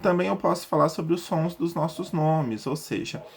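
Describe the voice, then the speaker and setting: A man teaching a recorded lesson, explaining step by step with frequent checks like "tá?" and slowly sounding out example words. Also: a little high, gravelly, slight background noise. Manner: explanatory, many fillers like "tá?" and "né?".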